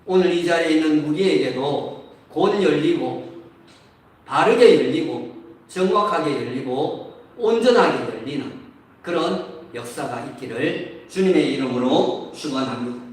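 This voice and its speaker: Slow, lively-toned male pastor preaching. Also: a little high. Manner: explains slowly, sings briefly. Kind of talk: sermon. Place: church sanctuary. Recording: echoey church hall from far off.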